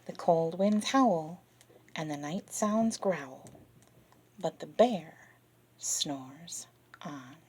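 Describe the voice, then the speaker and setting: A woman reading a children's picture book aloud, talking directly to the kids and dropping to a soft whisper on the refrains. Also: sits low, breathy edge. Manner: slow, expressive, talks directly to children.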